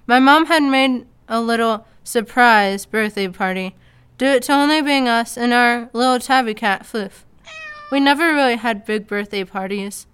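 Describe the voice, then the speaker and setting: A woman's voice: fairly high pitch, measured pace, fairly bright tone, clean tone. A woman narrating a comedic story in a casual, sarcastic way. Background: faint background music.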